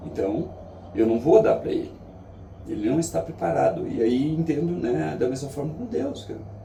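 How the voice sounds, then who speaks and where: Dark-voiced Brazilian man in an echoey space. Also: fairly high pitch, animated, gravelly. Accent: Brazilian Portuguese. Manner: earnest, halting, with frequent tag questions. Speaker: vlogger sharing daily reflections. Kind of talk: reflective casual monologue. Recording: echoey, distant mic, faint background noise.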